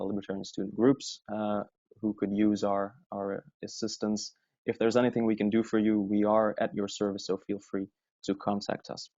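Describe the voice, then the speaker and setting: A man's voice: lowish voice, darkish tone, dry recording. A man moderating a webinar, introducing the organization and the speaker in a friendly, loose way with many fillers. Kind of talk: event introduction. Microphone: computer mic on a webinar call. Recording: dry, dull webinar audio.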